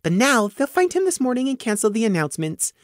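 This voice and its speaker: A man's voice: very high voice, quick pace, no room sound, clean studio sound, pitched above the performer's own voice. A man voicing a young male pony colt who talks in a blunt, matter-of-fact way. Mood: musing. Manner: matter-of-fact, flat insistence.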